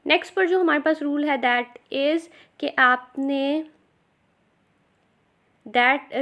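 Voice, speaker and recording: A woman teaching English grammar rules in a recorded lecture for test preparation, repeating each rule and dictating example sentences slowly. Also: high-pitched, fairly bright tone.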